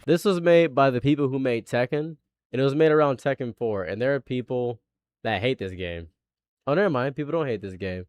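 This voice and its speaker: A man's voice: medium pitch, a little fast, darkish tone, smooth, no room sound. A man in his late twenties, a live streamer chatting casually, rambling and repeating himself, laughing often. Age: late 20s.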